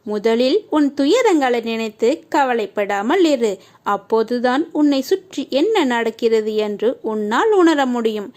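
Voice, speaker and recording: A woman's voice: a little high, a little slow. A woman reading a scripted devotional message in a tender, consoling tone, speaking to the listener in a deity's first-person voice. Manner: steady, reading cadence in long lists of short phrases.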